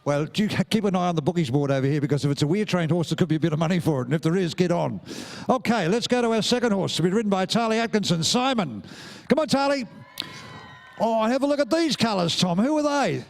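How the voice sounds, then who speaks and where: A middle-aged Australian man calls a live pony race at an outdoor showground, talking into a handheld mic. His voice sits high and bright for a man, and he teases the young riders and rouses the crowd in a jovial, playful way. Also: animated, fast, vocal fry, hardly any pauses. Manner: jovial, teasing, crowd-rousing. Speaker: ringside announcer. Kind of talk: live event commentary.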